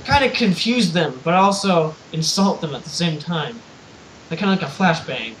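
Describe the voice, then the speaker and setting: A man's voice: a little high, expressive, a bit bright, a little hiss or hum, poor audio. A young man on a live stream, chatting casually and swearing freely, with frequent restarts. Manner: loose, profane, halting restarts. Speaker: co-host.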